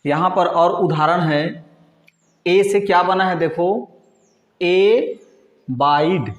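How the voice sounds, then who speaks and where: A man teaching a class slowly at a board, asking questions and answering them himself, with frequent checks that the class is following. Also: high-pitched, steady tone, reverberant, muffled recording. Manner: frequent "ठीक है" and "है नी" check-ins.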